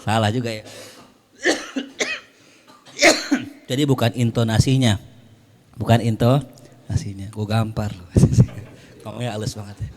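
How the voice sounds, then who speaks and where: A man's voice: on the low side, fairly even intonation, a little slow, pauses often, a little mellow. Joking preacher man. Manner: reads Arabic then explains in colloquial Jakarta slang, joking. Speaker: Islamic preacher. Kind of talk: casual religious lecture with Arabic readings.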